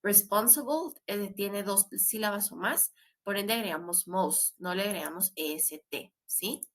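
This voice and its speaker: A woman's voice: mid-range voice, measured pace, fairly bright tone. A woman teaching English grammar in a recorded class. She explains step by step and often adds a questioning tag.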